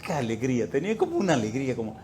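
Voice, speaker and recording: Animated man telling a sermon story. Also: mid-range voice, very fast, a little hiss or hum. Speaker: preacher.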